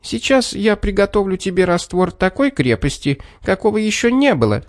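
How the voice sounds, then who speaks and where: Storybook role: man voicing a tiny bald little man, high strained and fussy, dry close sound. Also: very animated, moderate pace, dry recording. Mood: weary.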